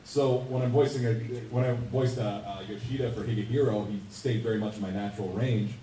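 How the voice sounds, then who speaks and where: A man's voice: on the low side, steady tone, a little fast, warm tone, slight background noise. Earnest man on an echoey panel. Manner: earnest, stammering restarts. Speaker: voice actor panelist. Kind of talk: convention panel talk. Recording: echoey hall, far from mic.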